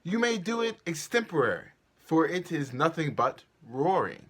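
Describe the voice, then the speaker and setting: Man as a fussy stage director, lively pitch. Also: unhurried, slightly rough, exaggerated voice. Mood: instructive. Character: fussy, businesslike male carpenter directing amateur players. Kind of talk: theatrical Shakespeare staged reading.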